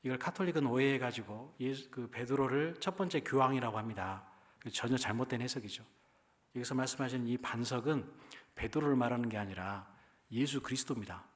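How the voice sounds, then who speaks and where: A male pastor with a Jeolla accent delivers a sermon in a church, speaking at an ordinary middle pitch. He talks to the congregation in a conversational way and often turns to them with rhetorical questions. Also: brisk. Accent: Jeolla Korean. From Jeolla region, Korea.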